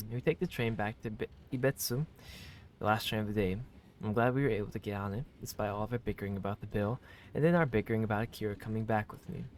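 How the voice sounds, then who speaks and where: He speaks fast in a fairly low voice, with slight noise in the background. As a game streamer, he's playing through a visual novel, reading it aloud and firing off casual, slangy, effusive reactions that include swearing.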